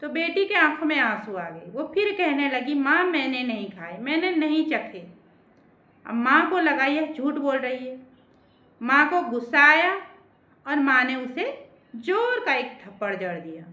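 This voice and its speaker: A woman narrating a folk tale slowly and with feeling, lingering on each phrase. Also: sits high, big pitch swings, sharp tone. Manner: slow, deliberate, emotive storytelling. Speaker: storyteller. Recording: roomy, slightly dull recording.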